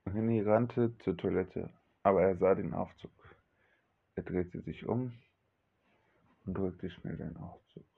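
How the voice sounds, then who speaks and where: A man narrating a homemade audio drama in a slow, plain storytelling manner. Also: low-pitched, creaky, slightly rough. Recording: dull lo-fi recording, faint music.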